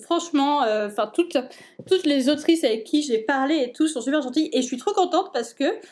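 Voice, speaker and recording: A young woman chatting casually and excitedly as a book vlogger, full of fillers and restarts. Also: sits high, brisk. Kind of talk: casual chat.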